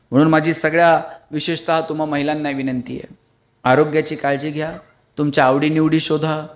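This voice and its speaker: High-voiced man giving a storytelling lecture. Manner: storytelling with humor, pleading with the audience. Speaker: public speaker. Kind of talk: motivational lecture.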